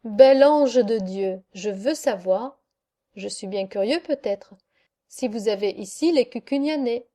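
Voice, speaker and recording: A woman reading an audiobook voices a village priest, a man who pleads fervently and is quick to take fright. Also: on the high side, dark tone, natural voice. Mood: polite. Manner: pleading, fervent, easily alarmed. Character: anxious village priest, a middle-aged man.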